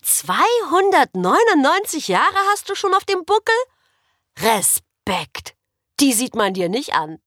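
A lady reading as a chatty cheeky little girl, high and bouncy, talks nonstop, dry close sound. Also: slow, dry recording, heavily acted. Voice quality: bright, chattering, excitable. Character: chatty, cheeky human girl, bubbly and outspoken. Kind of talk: audiobook character voice.

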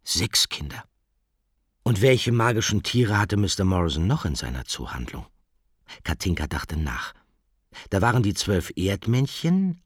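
A man narrating a children's storybook in a lively, expressive reading style. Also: lowish voice, husky, no room sound, studio quality. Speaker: audiobook narrator.

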